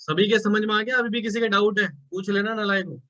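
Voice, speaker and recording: A man's voice: sits high, steady tone, a little fast, bright, forceful tone, no room sound. A young adult man with an Indian accent teaching a live online class, mixing Hindi and English and coaxing his students to answer. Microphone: live class recording. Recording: dull lo-fi sound.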